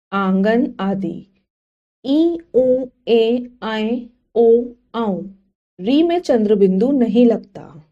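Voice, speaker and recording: A woman narrating a scripted grammar lesson, reading slowly and deliberately and drawing out each example sound. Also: on the high side, mellow, dull audio. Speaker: teacher.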